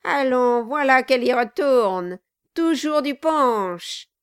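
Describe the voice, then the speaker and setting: A woman's voice: high-pitched, takes it slowly, smooth. A woman doing a curt, impatient old mother-in-law.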